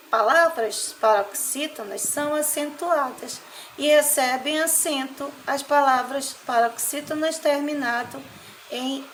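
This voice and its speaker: Woman, Brazilian Portuguese accent, primary school teacher, slow dictation, faint background hiss. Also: high-pitched, poor audio. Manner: slow, deliberate word-by-word dictation. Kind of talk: recorded class lesson.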